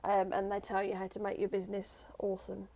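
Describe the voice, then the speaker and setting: A woman's voice: medium pitch, monotone, a little fast, a loud crowd. A woman from the UK co-hosting a reselling channel, chatting casually with dry jokes and fillers. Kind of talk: casual chat.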